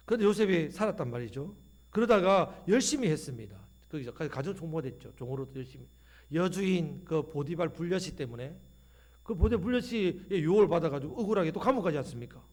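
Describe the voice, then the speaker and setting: A man's voice: on the high side, animated, brisk, darkish tone. A male pastor preaching a Sunday afternoon sermon in a church, asking the congregation questions and answering them himself. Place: church sanctuary.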